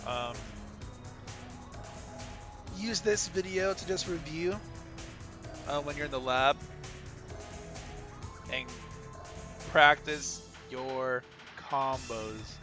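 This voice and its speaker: A man with a fairly high voice talks very slowly, leaving long pauses as he coaches a fighting game player through moves. His gameplay analysis is casual and instructive, and he counts out inputs aloud in an informal way. Loud fighting game music and sound effects play behind him.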